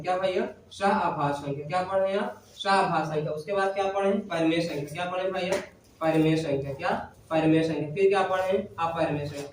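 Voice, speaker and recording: A man's voice: on the high side, slight background noise. A male maths teacher recapping a lesson, asking questions and answering them himself in a call-and-response drill. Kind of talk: classroom recap lecture. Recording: very echoey room, voice from a distance.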